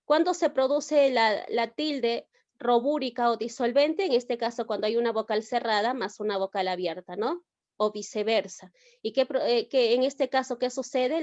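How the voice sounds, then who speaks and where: A woman's voice: a little high, darkish tone, dry recording, muffled recording. A woman teacher giving an online class, explaining step by step and often checking with the students. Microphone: video call.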